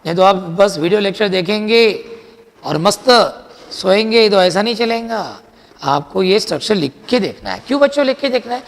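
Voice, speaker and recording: A man teaching a chemistry lecture in a lively, chatty way, quizzing his students as he goes. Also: high-pitched, moderate pace, creaky, long reverb tail. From India. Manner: lively, chatty, mixes Hindi with English terms, quizzes students. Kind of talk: classroom lecture.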